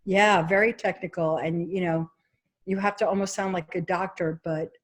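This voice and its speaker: Woman casting director with a New York accent, animated and chatty, interview guest. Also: on the low side, moderate pace. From Egypt. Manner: animated, laughs often, quotes herself. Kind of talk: casual interview chat.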